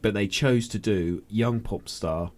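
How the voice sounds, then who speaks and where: A young man co-hosting a podcast, with a very deep voice. He banters through the chat, dropping quick jokes and teasing asides. The delivery is loose and informal. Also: darkish tone. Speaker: podcast co-host. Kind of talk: casual chat.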